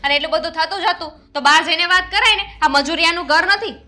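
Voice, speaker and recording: A woman playing a defiant young daughter-in-law who mocks and quarrels with quick retorts. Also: very high-pitched, pushed and bright, faint music behind.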